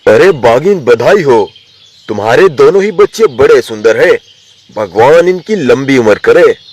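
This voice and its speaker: A man voicing a scheming, treacherous male lion in an animated story. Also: mid-range voice, unhurried. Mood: friendly.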